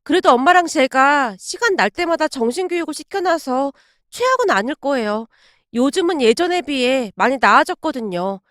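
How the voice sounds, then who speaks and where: A woman's voice: high voice, animated, moderate pace, fairly bright tone, no room sound, clean studio sound. A woman voicing a blunt, chatty young sister-in-law who teases her brother. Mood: teasing. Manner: chatty, teasing.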